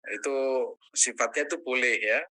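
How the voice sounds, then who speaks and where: A man teaching as an ustaz in a religious study session, answering questions, quoting Arabic prayers and rising high in pitch when stressing a point. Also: moderate pace, pushed and bright, breathy edge, rough recording.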